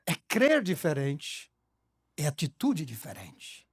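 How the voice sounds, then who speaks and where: A middle-aged man, preaching a live church sermon. He repeats his exhortations, swinging between shouts and hushed words. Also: a little high, wildly swooping pitch, slow pace, breathy edge, dry recording, clean studio sound. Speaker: pastor. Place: church service before a congregation.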